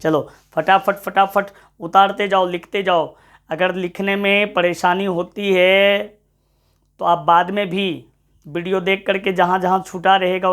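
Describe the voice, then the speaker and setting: Male English teacher, online lecture, repetitive drilling, pep-talking students. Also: high-pitched. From Bihar, India. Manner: drills words by repeating them, urges students on; addresses students as friends, gives pep talks.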